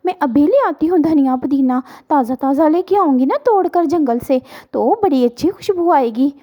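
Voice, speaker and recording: A woman's voice: high-pitched, animated, normal speed, dark tone. A woman voicing an eager, cunning young female bird in a storybook cartoon.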